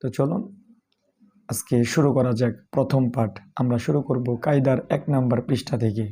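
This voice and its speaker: A man's voice: mid-range voice, steady tone, fairly quick, dark tone, husky. A man teaching Quran reading in an online lesson, pronouncing each Arabic letter carefully one at a time.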